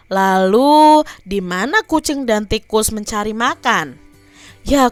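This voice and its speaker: A woman teacher telling a fable to young children and explaining the lesson, often speaking to them directly. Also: on the high side. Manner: addresses children warmly as adik-adik. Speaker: primary school teacher.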